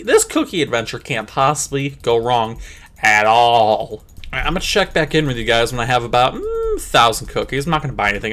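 A young man giving crude, jokey commentary over a game, jumping into squeaky high voices. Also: fairly bright tone. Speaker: gameplay commentator. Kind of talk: comedic let's play commentary.

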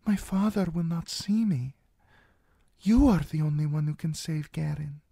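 A man's voice: on the high side, measured pace, vocal fry, warm tone, breathy edge, no echo, clean studio sound, voice pushed up, full character voice. A man voicing a scheming young princess, coaxing and confiding in a raised voice. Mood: urging.

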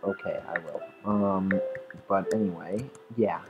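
A man's voice: sits low, steady tone, a little slow, narrow, tinny audio, music in the background. A man giving rambling, swear-filled commentary while playing a game, talking at the monsters and restarting his sentences. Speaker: gameplay commentator. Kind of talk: rambling let's-play commentary. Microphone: desktop or headset mic.

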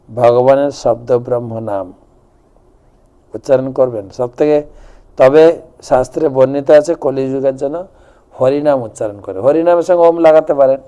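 Slow, mellow-voiced man teaching devotion. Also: mid-range voice. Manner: slow, measured, chants Sanskrit verses and mantras. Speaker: spiritual teacher answering viewer questions. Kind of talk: devotional question-and-answer talk.

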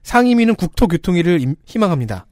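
A man with a slightly high and very lively voice delivers the facts deadpan. The sound is dry and close to the mic. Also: fast talker, no room sound. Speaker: co-host presenting candidate profiles. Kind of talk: briefing-style chat.

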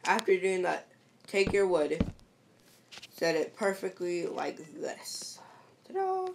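A woman's voice: on the low side, big pitch swings, takes it slowly, vocal fry. A woman giving patient, step-by-step game-building instructions. She keeps checking in with "see?" and "perfect". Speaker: game tutorial maker. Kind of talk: step-by-step game tutorial voice-over. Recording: noisy home recording with clicks.

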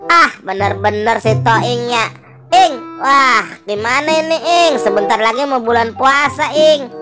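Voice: medium pitch, expressive, measured pace, close to an everyday voice. A performer voicing Mamat, a male ondel-ondel puppet who nags and bosses his friend, with a Betawi Jakarta accent. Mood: nagging. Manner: nagging, bossy. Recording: music playing behind.

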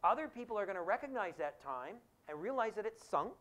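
A man, an economics professor, giving a public lecture in an animated storytelling way, with acted-out quotes. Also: high voice, fast.

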